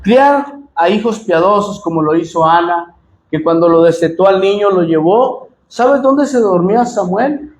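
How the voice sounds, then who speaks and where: A man with a Mexican accent preaching a sermon as pastor, impassioned and direct with the congregation, often rising to shouts. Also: high-pitched, lively intonation, measured pace. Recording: echoey room with faint noise.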